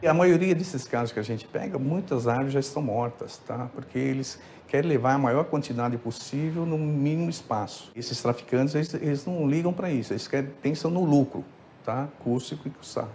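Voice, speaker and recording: A man's voice: medium pitch, normal speed, warm tone, a little hiss or hum. A male police official with a Brazilian accent, explaining in an interview in an office and checking in with "tá?". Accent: Brazilian Portuguese. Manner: explanatory, uses tag "tá?". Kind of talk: interview statement.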